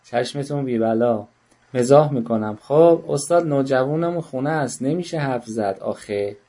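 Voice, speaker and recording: A man's voice: medium pitch, mellow. A man teaching an online parenting workshop, coaxing and joking with participants as he calls on them by name. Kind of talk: online class lecture.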